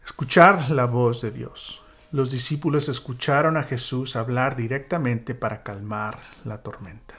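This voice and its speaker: A man leading a church small-group Bible study, speaking reflectively with fillers and dropping into a whisper for calm moments. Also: mid-range voice, a little slow, hardly any pauses. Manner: reflective, with many fillers and soft whispered asides.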